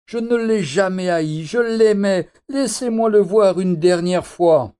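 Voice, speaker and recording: A man's voice: high voice, takes it slowly, mellow, smooth. A man voicing a sobbing, pleading daughter. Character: distraught grown daughter, a woman.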